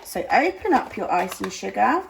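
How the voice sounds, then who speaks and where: A woman's voice: mid-range voice, very animated, normal speed, vocal fry, a little hiss or hum, low-quality recording. A woman speaking as a primary school teacher, giving step-by-step cooking instructions to young children in simple, encouraging language with exaggerated emphasis.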